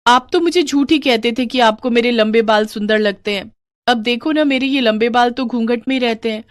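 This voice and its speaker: A woman voicing a gentle young bride who is unhappy about her veil. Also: a little high, normal speed, a little hiss or hum, voice pushed up, lightly acted. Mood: complaining.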